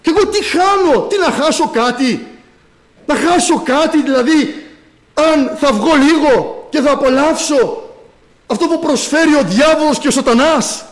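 A preacher voicing a smug, carefree worldly churchgoer in a mocking sing-song with laughing asides. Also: male voice, very high voice, pitched above the performer's own voice, low-quality recording. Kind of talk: sermon parody.

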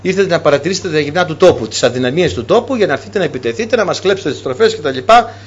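A man's voice: a little high, animated, slightly rough, dull audio. A man preaching who voices a stern ruler accusing visitors of spying, in the middle of a sermon. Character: stern ruler testing his brothers, accusing them.

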